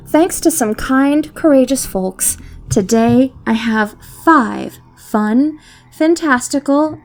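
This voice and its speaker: This YouTube host and story narrator has a high-pitched voice with a darkish tone. She delivers scripted, theatrical, whimsical storytelling playfully, and music plays behind her.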